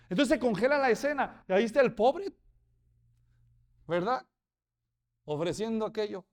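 Man, pastor, sermon, high voice, humorous rhetorical storytelling. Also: expressive, normal speed.

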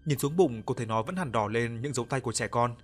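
Giọng nam kể truyện ma, bình tĩnh, có nhạc nền khe khẽ. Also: male voice, mid-range voice. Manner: calm, slow and even reading. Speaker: storyteller. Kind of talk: scripted audio story narration. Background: soft background music.

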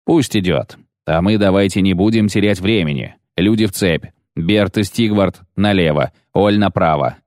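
A man reading aloud, voicing a rough, commanding male gang leader who speaks in gruff, clipped orders. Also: sits low, moderate pace, hardly any pauses, darkish tone, no echo, clean studio sound, close to an everyday voice.

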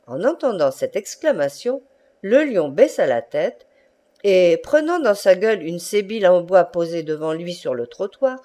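A woman narrates a classic novel as an audiobook reader. Her storytelling is measured and expressive, with a warm, mellow tone. She is recorded close to the microphone. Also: mid-range voice.

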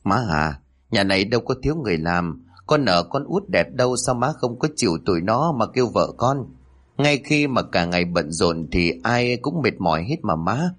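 A man's voice: fairly low pitch, sing-song, moderate pace, fairly bright tone. Man voicing a polite young husband. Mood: pleading. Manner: polite, pleading, protective. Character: young husband, gentle, respectful son.

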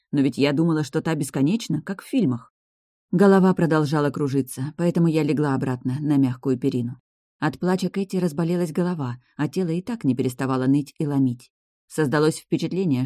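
Audiobook narrator, mellow even voice, dry close sound, first-person fantasy reading. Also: medium pitch, no room sound.

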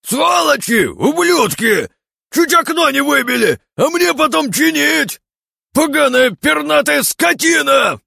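A man voicing a grumpy, irritable male house spirit who yells in a shrill, gravelly voice, as in an audiobook. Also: sing-song, a little fast, hardly any pauses, no room sound, clean studio sound, heavily acted. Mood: furious shouting. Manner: shrill angry shouting. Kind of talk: audiobook character voice.

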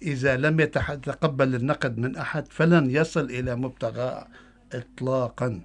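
A man's voice: mid-range voice, a little fast. Syrian-accented man answering interview questions. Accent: Syrian Arabic. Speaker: poet, interview guest. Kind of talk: interview answers, mixing formal and colloquial speech.

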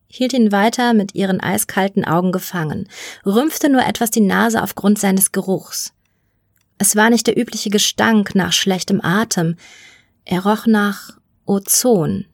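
A woman reading a science fiction short story aloud in an even, measured narration. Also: mid-range voice, no room sound, studio quality. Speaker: story reader.

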